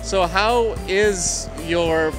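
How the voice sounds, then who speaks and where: A man's voice: high voice, drawn-out words, music in the background. A man in his thirties interviewing costumed fans at a convention with a handheld mic, joking in a dry, teasing and slightly awkward way. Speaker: comedy interviewer. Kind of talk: joking street-style interviews. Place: convention hall.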